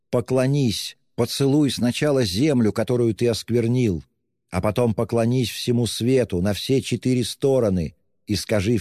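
A man's voice: on the low side, darkish tone, slightly rough, no echo, clean studio sound, big-room sound, voice pushed up, full character voice. A man reading an audiobook, voicing a fervent, pleading young woman who speaks in exclamations.

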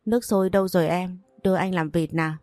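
A woman reading the lines of a young father who gently scolds and teases, in a plain audiobook reading voice. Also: fairly low pitch, steady tone, fast talker, no room sound, close to an everyday voice. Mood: teasing, scolding. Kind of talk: audiobook narration.

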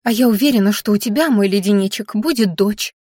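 A woman's voice: medium pitch, brisk, dark tone, breathy edge, dry recording, studio quality, close to an everyday voice. Woman doing Anfisa, fussy little furry creature. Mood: doting. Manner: scolding, fretful, doting pet names. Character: fussy weepy little furry hoofed female governess creature.

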